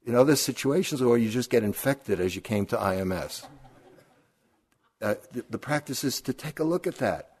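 A man's voice: medium pitch, lively intonation, moderate pace, darkish tone, breathy edge. An older man, a meditation teacher giving a dharma talk at a retreat, telling stories conversationally and asking rhetorical questions.

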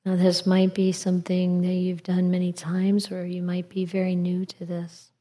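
A woman leading guided meditation as a teacher, in a calm, gentle meditative manner with long pauses and a soft, slightly husky voice. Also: fairly low pitch.

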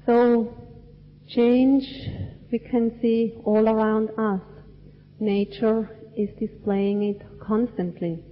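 A woman from Switzerland giving a Buddhist dharma talk in a cinema hall, speaking in slow, measured, deliberate phrases. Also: a little high, level tone. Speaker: Buddhist teacher. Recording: dull lo-fi recording with long hall reverb.

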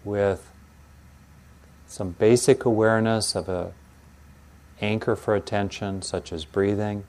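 A man teaching a guided meditation in a soothing, gentle, unhurried manner with pauses between phrases, like a calm yoga teacher. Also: fairly low pitch.

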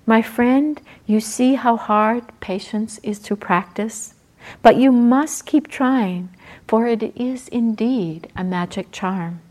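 Woman voicing a wise buffalo, male, gentle, slow, soft, storybook. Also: fairly high pitch.

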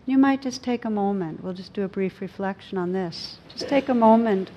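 A woman with a medium-pitched voice gives a reflective meditation talk. She guides gently, leaving frequent pauses between short phrases. A low rumble of background noise sits behind her voice. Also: muffled recording. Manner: unhurried, gentle guiding delivery with frequent pauses. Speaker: meditation teacher.

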